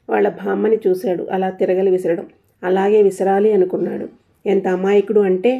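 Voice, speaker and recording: A woman narrating a humorous family story in a steady, even reading voice with a light comic touch. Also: mid-range voice, creaky, highs cut off.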